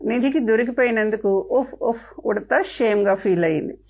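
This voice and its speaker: An older woman, a children's author, narrating a story for kids in a gentle, expressive way. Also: fairly high pitch, normal speed, slightly rough. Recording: dull lo-fi with faint music.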